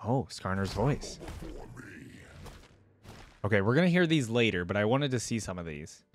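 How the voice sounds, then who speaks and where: A young adult man hosting a reaction video muses aloud in casual, informal gameplay commentary, his voice on the low side and sing-song at a moderate pace. He speaks close to a desktop microphone with a headset, with faint music behind him and clearly audible background noise.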